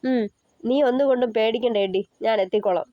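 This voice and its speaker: Brief: anxious but commanding elder brother, read by a woman, fairly high voice, dry lo-fi audio story. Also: brisk, no echo, close to an everyday voice. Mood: resolute. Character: protective older brother, anxious yet firm.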